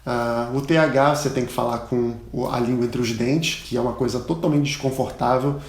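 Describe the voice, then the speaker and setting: A man's voice: medium pitch, steady tone, moderate pace, echoey room. Chatty Brazilian man teaching pilot English. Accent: Brazilian Portuguese. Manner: chatty, explains with anecdotes, repeats model words loudly. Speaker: pilot and aviation English instructor. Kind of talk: casual spoken lesson.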